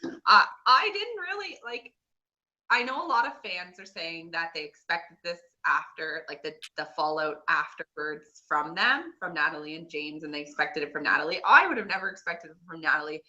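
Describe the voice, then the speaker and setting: A woman's voice: sits low, lively intonation, normal speed, pushed and bright, highs cut off. A woman with a Nova Scotian Canadian accent co-hosting a podcast, chatting casually in a rambling, gossipy recap. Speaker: podcast co-host.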